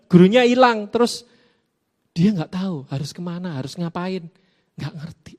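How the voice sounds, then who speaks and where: A high-pitched man gives a casual youth sermon. He keeps it lively, tossing questions and playful asides to his listeners. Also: moderate pace. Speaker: youth preacher. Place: church hall.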